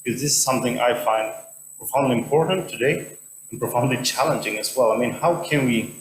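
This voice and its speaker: A man from Sweden in the audience asking a question at an academic lecture, talking haltingly with many restarts. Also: medium pitch. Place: lecture hall. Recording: echoey hall with faint hum.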